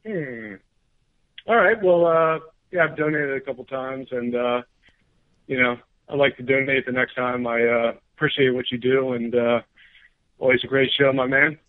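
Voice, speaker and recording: A man's voice: medium pitch, fairly even intonation, normal speed, no room sound. A man calling in to a radio show over the phone, talking hesitantly with lots of fillers. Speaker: caller. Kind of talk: call-in radio chat. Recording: tinny phone line.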